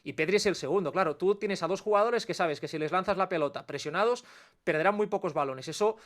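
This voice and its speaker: A man with a Spanish accent, a football pundit giving quick, analytical commentary on a sports talk show. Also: sits high, fairly bright tone. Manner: fast, analytical, dense run-on sentences.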